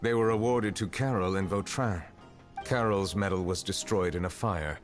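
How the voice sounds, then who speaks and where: An actor playing a calm, stern male chief justice who speaks in a measured, composed way. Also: deep voice, faint music behind, lightly acted.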